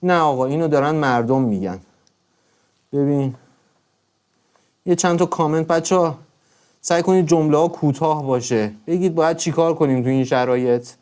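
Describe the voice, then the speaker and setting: A man on a live stream, talking straight to his viewers in an emphatic, repetitive way, swinging between loud urging and low murmuring. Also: pauses often, clear, resonant tone. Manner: emphatic, repeats words over and over.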